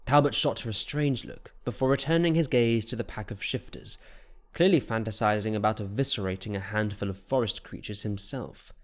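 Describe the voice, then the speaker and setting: A man narrating a fantasy audiobook in a steady, measured storytelling voice. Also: on the low side.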